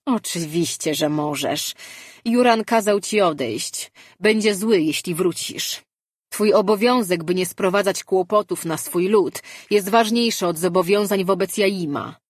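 A woman's voice: lowish voice, big pitch swings, moderate pace, breathy edge, dry recording, clean studio sound. A woman reading a glib, teasing male spirit who shares a man's mind, speaking in an offhand way. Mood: insistent.

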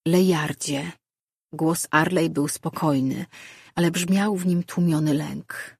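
Female audiobook narrator, husky, measured, close dry studio sound. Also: low voice, dry recording. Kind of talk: scripted fantasy narration.

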